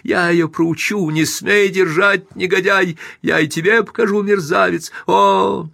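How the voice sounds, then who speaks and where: A man's voice: high voice, steady tone, measured pace, vocal fry, bright, forceful tone, no echo, pitched above the performer's own voice, exaggerated voice. Man putting on a shrieking, enraged jealous woman. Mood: shrieking rage. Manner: shrieking, screaming threats. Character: furious jealous woman in hysterical rage. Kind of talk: audiobook character voice.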